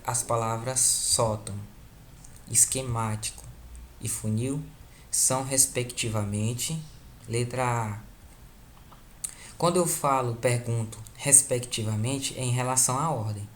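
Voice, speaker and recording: A man's voice: mid-range voice, steady tone, measured pace, a little hiss or hum. A man with a Brazilian Portuguese accent, a teacher patiently going over a school test, repeating key points and checking in with his students.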